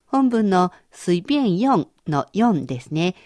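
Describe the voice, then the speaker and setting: A woman's voice: fairly low pitch, very animated, takes it slowly, a little mellow, dry recording, clean studio sound. A woman teaching Chinese vocabulary in a radio lesson, explaining each word patiently and carefully.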